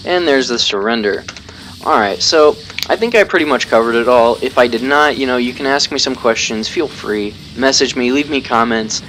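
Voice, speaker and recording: A man's voice: medium pitch, normal speed, fairly bright tone, a little hiss or hum. A man giving casual live commentary over his own gameplay, explaining tactics as he plays, thinking aloud and poking fun at his own mistakes. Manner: explains tactics while playing.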